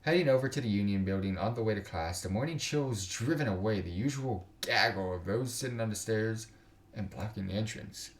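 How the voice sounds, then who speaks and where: A young man with a lowish, slightly fast voice is live streaming a game from his computer indoors, and the sound is reverberant. He reads visual novel text aloud, stumbling now and then and tossing in slangy, joking side comments in a casual stream.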